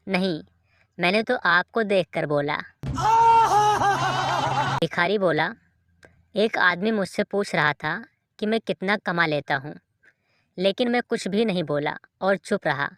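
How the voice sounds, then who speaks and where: A woman reading short jokes aloud in an even storytelling delivery, as a dry close voice-over. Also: fairly low pitch, no echo. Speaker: joke reader.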